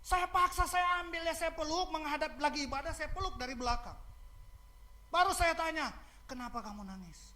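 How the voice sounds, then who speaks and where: A middle-aged man preaching a sermon as pastor, telling a personal story with swings from soft, quiet passages to loud, shouting emphasis. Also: very high-pitched, steady tone, normal speed.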